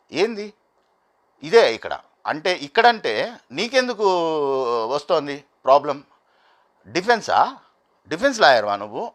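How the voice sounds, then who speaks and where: Animated man reviewing a reality show. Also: a little high. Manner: animated, argumentative, quotes contestants in acted bursts. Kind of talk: commentary.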